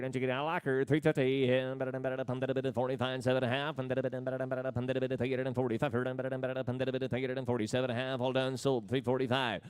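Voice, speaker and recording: Fast-chanting male livestock auctioneer. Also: mid-range voice, a little mellow, clear, resonant tone, no room sound, clean studio sound. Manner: rolling, repetitive filler-word patter between bids. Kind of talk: rapid-fire auctioneer chant.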